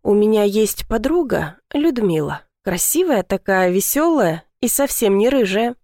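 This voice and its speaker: A woman's voice: medium pitch, big pitch swings, a little slow, warm tone, no echo. A woman voicing a flirty, gossipy village nurse in a dry recording. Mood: confiding.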